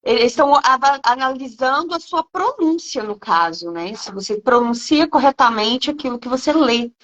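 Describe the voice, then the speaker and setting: A woman hosts a live stream and reacts to her guest with curiosity. Her pitch moves a lot, and it sits a bit high. The audio sounds dull and lo-fi. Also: normal speed. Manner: lively, curious, reacting with interest. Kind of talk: casual live-stream interview.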